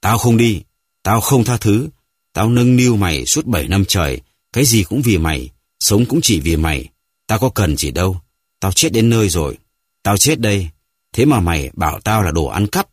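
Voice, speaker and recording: A man voicing a hoarse, panting old grandfather who is full of guilt and rage in a read-aloud story. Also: lowish voice, sing-song, moderate pace, no echo, clean studio sound. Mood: anguished.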